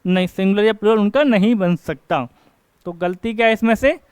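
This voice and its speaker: A man teaching an English grammar class, asking questions and answering them himself and reading example sentences slowly. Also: sits high, a little mellow, smooth, no echo. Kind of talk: classroom lecture. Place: coaching class.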